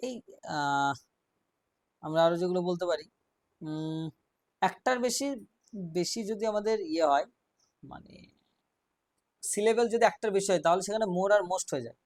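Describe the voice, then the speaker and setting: A man teaching an English grammar class, explaining rules step by step, quizzing his students and reading example sentences out slowly. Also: high-pitched, expressive, no echo.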